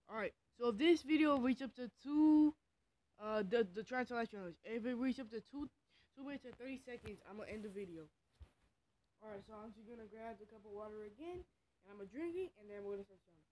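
A vlogger talking casually and haltingly into a phone in a room at home, in an informal, rambling way. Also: medium pitch, darkish tone, low-quality recording. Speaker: vlogger recording a reaction challenge. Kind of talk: casual vlog talk.

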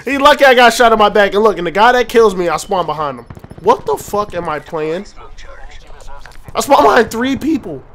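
A young man giving excitable, trash-talking commentary over his own gameplay, often laughing. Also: high voice, fairly quick, slight background noise. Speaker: gaming YouTuber. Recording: faint game gunfire behind. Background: gunfire.

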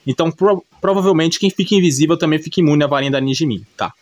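A man with a Brazilian accent narrates an anime recap for his video, giving loose, unscripted story commentary that's colloquial, repetitive, and sprinkled with little check-in tags. His voice is on the high side, slightly mellow, and quick, with no room sound.

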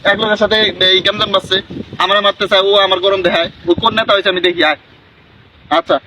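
High-voiced boastful man. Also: steady tone, fast, pushed and bright, slight background noise, rough recording. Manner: boastful and confrontational. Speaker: comedy sketch actor. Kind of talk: comic sketch dialogue.

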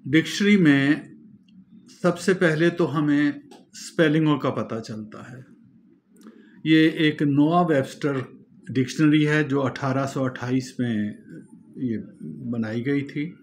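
A man's voice: fairly high pitch, slow pace, slight background noise. A male teacher gives a classroom lecture, explaining patiently and spelling words out letter by letter.

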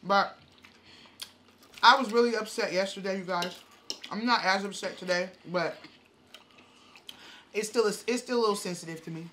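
A woman's voice: medium pitch, moderate pace, pauses often, a bit bright, a little hiss or hum. A woman in her forties hosting a mukbang vlog at home, chatting with viewers and acting out her own reactions. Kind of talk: casual storytelling to viewers while eating. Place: home dining room, indoors. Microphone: camera on the table in front.

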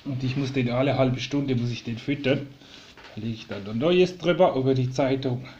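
A man talking softly and doting to a young sparrow he is raising, coaxing it and explaining to viewers in a casual home video. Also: medium pitch, normal speed, highs cut off, a little hiss or hum. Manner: coaxing, soft and doting, often dropping to a whisper. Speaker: vlogger raising a rescued sparrow. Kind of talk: casual talk to a bird and viewers. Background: sparrow chirping.

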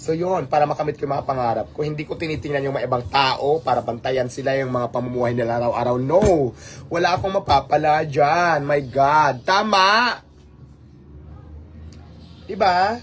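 A man's voice: mid-range voice, brisk, slight background noise. A man from the Philippines with a Filipino accent, talking casually to his live-stream viewers, exasperated and rhetorical, dropping English phrases into his speech. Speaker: livestream host.

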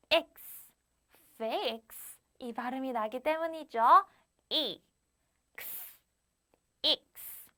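A young adult woman teaches an online English class for small children. She talks in a high, bright register and stretches every English phrase out very slowly, in a sing-song way. She counts aloud and switches to Korean to explain. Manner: counts aloud with rising emphasis.

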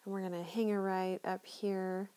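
Speaking at a moderate pace in a level, mid-range voice, a middle-aged woman narrates a neighborhood tour while driving. Her tone is warm and mellow, like a friendly local guide. She is chatty and full of enthusiasm.

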